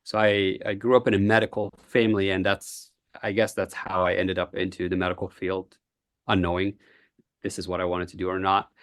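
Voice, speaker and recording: Low-voiced man. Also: level tone, a little fast, no room sound, studio quality. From Egypt. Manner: earnest, reflective, frequent "uh" fillers. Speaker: guest, entrepreneur. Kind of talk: podcast interview.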